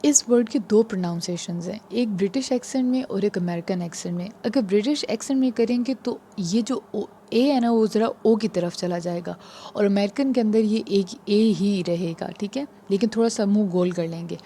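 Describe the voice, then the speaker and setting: Patient woman tutor with a mellow voice. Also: medium pitch, a little hiss or hum. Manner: patient, repeats "ठीक है" often; slows down to spell out words. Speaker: exam prep teacher. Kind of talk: casual explanatory lesson.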